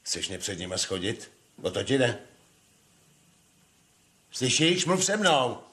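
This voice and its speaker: An actor playing a contemptuous, bullying husband who sneers at the people around him. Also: male voice, medium pitch, big pitch swings, fairly bright tone, echoey room. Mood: menacing. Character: bullying middle-aged husband, contemptuous and menacing.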